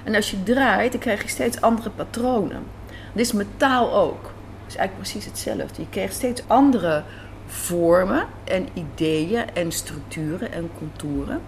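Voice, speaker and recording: In a café, a woman being interviewed as a writer speaks informally, working through ideas aloud and repeating phrases for emphasis. Her medium-pitched voice is animated though a little slow. Faint room noise from the café can be heard.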